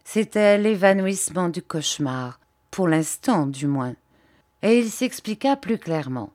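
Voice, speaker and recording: A woman reading a fantasy novel aloud as an audiobook, in a measured, expressive narration. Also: fairly low pitch, no room sound, studio quality. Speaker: audiobook reader.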